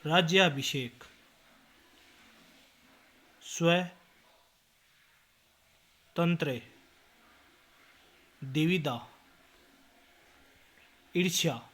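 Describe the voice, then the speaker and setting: A man's voice: a little high, a bit bright. A man tutoring Hindi spelling, reading out words one by one and correcting common mistakes. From India. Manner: slow, word-by-word dictation with corrections. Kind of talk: spelling drill lesson.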